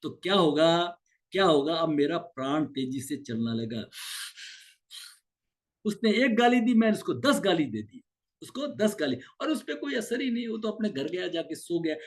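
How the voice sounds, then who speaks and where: High-voiced man teaching yoga therapy. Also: big pitch swings, moderate pace. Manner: asks and answers his own rhetorical questions; repeats and lists key words for emphasis. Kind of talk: explanatory lecture on yoga therapy.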